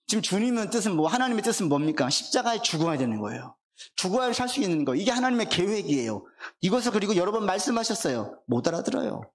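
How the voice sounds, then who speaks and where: A man, a pastor, preaching a Sunday sermon. He poses questions to the congregation, answers them himself, and reads scripture aloud slowly. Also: high voice, big pitch swings. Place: church sanctuary.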